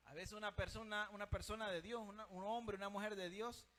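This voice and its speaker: Fervent high-voiced male preacher. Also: steady tone, brisk, a bit bright. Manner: fervent, addresses listeners as brother and sister. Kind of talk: sermon.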